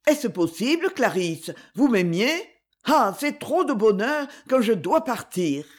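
A woman's voice: on the high side, big pitch swings, slow, full character voice. A woman reading aloud and voicing a sorrowful, lovesick young man in an earnest, resigned tone.

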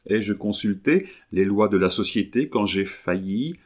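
A man's voice: on the low side, animated, a little slow. A man reading an audiobook, voicing a passionate, determined young woman who presses her questions ardently. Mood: defiant.

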